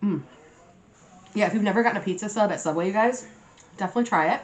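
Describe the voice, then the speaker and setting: A woman hosts a mukbang, eating messily while chatting casually to viewers. Her storytelling is sweary and slangy, full of acted-out quotes, and she races along in a mid-range voice.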